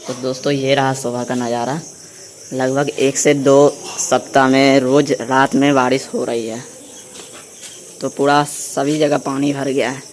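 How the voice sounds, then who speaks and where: A young man narrates his day in a relaxed, chatty vlog voice at an everyday pitch. He calls his dog with strings of repeated words. Faint background noise runs under the phone recording. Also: unhurried. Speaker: vlogger. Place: outdoors on wet streets and at home.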